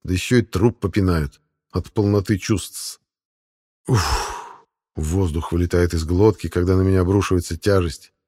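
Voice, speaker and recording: A man narrating a first-person audiobook in a low, mellow, dark voice. His delivery is dry and sardonic, with deadpan asides. The tone stays even and unhurried.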